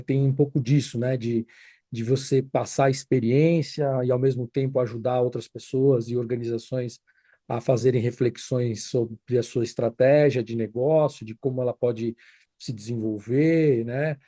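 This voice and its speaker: Dark-voiced man in his fifties. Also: mid-range voice, steady tone, moderate pace, no room sound. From Brazil. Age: 50s. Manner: thoughtful, many fillers and restarts. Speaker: guest, consultant. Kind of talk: reflective interview answers.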